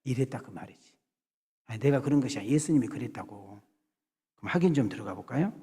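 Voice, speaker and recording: A middle-aged male pastor preaching a conversational, joking sermon to his congregation, acting out scenes with shouted voices. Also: mid-range voice, animated, fast talker. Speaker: senior pastor. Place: church sanctuary. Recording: long hall reverb in a church sanctuary.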